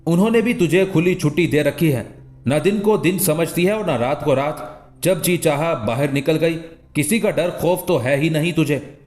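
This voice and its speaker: A man reading an audiobook, voicing a noblewoman who shouts and scolds a servant. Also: fairly high pitch, moderate pace, natural voice. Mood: scolding. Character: shrill scolding noblewoman, the governor's wife. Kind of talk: audiobook character voice.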